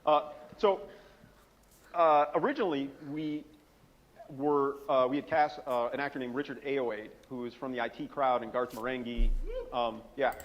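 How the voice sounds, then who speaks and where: A game writer on a conference panel tells anecdotes at a moderate pace in a medium-pitched voice, using lots of fillers. The panel talk is heard in a roomy hall, and the recording sounds dull.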